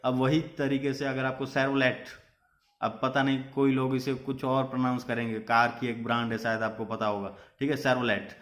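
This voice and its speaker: A man's voice: mid-range voice, level tone, moderate pace, fairly bright tone. Man, young adult, teacher, lecturing, repeats key points, mixes two languages. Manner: mixes Hindi and English, repeats points with "ठीक है". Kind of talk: classroom lecture.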